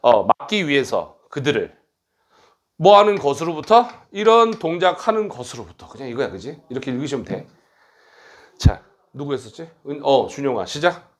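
A middle-aged man leads a grammar lesson at his academy, blunt and quick, ribbing his students and throwing in short questions. His voice is mid-range, with big swings in pitch.

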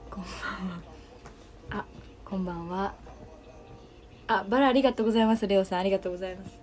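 A woman's voice: medium pitch, fast talker, a little mellow. A young woman with a Kansai Japanese accent hosting a casual livestream, chatting and answering viewer comments. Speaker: livestream host.

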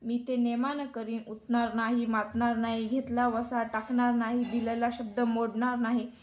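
A timid young palace maid in a storybook tale, speaking softly and with care, as a female narrator plays her. The voice is fairly high and flat, recorded dull and lo-fi. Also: normal speed, a little hiss or hum, lightly acted. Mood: cautious.

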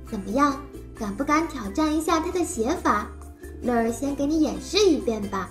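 A woman's voice: high-pitched, a bit bright. A woman voicing a cheerful, child-like little cartoon creature who teaches phonics, talking simply and encouragingly as if reading to a toddler. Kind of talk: animated lesson for small children.

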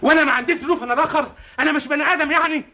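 An actor playing an excitable, jokey man in a theater company, speaking with an Egyptian accent. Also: extremely high pitch, rapid-fire, full character voice. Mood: joking. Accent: Egyptian Arabic. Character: restless joking man in a theater office. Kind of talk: TV drama acting.

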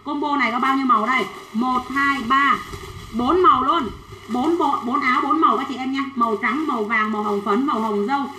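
Woman, livestream seller, chatty sales patter, high-ish voice, roomy echo. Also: fairly quick, pushed and bright, a little hiss or hum. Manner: chatty, reads out sizes and buyers' names. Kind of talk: fast livestream sales pitch.

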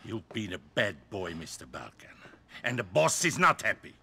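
A brutish mob enforcer who taunts his captive. The tone is sharp and forceful, the pitch moving widely. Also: huge pitch swings, unhurried, gravelly, slight background noise, exaggerated voice. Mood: menacing. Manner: mocking and menacing, bursts into shouts. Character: brutish male mob thug with a hacksaw. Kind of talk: video game cutscene acting.

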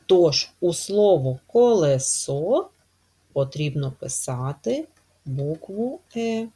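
A woman teacher giving a spelling lesson to young children, speaking slowly and emphatically and stretching stressed syllables. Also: sits low, very animated, mellow, breathy edge.

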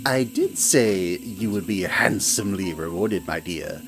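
In a hobby audio play with background music, a man voices a smug male hyena mad scientist, speaking slightly slowly in a low, animated voice. The gloating villain narrates to the listener in a silky, condescending, theatrical manner, chuckling frequently.

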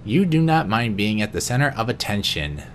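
A man reading personality quiz questions aloud in an unscripted vlog, answering each one in a quieter, lower voice with the odd stumble. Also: big pitch swings, normal speed, a little hiss or hum. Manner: occasional stumbles and restarts. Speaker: vlogger.

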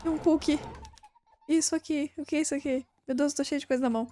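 Woman, young, high voice, gaming streamer, jumpy, nervous laughter, faint storm behind. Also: fairly even intonation, fast, slight background noise. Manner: jumpy, squeals and shouts when scared, laughs nervously. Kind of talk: casual let's-play commentary.

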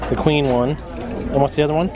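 A man's voice: a little high, fairly even intonation, quick pace. A man from central Florida chatting casually while shopping, reading out prices and joking. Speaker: vlog co-host. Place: busy indoor store. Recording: loud crowd in background.

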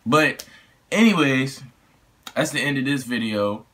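A man's voice: medium pitch, lively intonation, unhurried, fairly bright tone. Young male reaction host, loose slangy chatter, lots of fillers. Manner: rambling and slangy, with frequent fillers and restarts. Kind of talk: casual trailer reaction chat.

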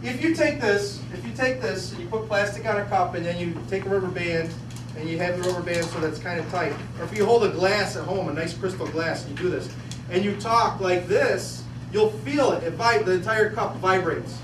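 Lively male teacher in echoey classroom. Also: high voice, a little fast. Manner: lively, questioning, repeats words. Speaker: physics teacher. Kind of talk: classroom demonstration. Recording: echoey classroom, distant mic, background noise.

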